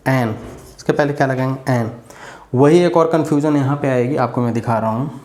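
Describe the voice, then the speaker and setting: A man's voice: mid-range voice, a little fast, darkish tone, echoey room. A man giving a casual grammar lesson, chatty and repetitive as he drills examples. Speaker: English grammar teacher.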